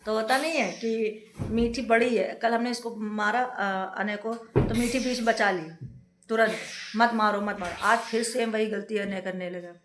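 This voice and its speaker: A woman's voice: a little high, fairly even intonation, unhurried. Chatty scolding mother in an echoey room. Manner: chatty and scolding, talks to camera and to her kids. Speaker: mother and home vlogger. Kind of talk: casual home vlog narration. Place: indoors at home. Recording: echoey room with faint noise.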